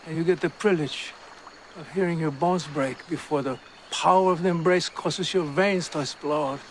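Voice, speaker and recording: An actor as a sinister snake hunter with put-on Paraguayan accent. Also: male voice, a little high, moderate pace, slight background noise, close to an everyday voice, low-quality recording. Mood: menacing. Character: menacing male snake hunter, older.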